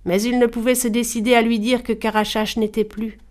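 Brief: female storyteller, somewhat high voice, calm measured folk-tale reading. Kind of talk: storybook narration.

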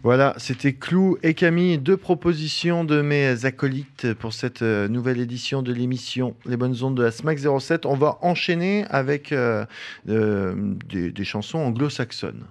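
A man's voice: mid-range voice, normal speed. A man hosting a community radio show, chatting casually and teasing his co-host in the studio.

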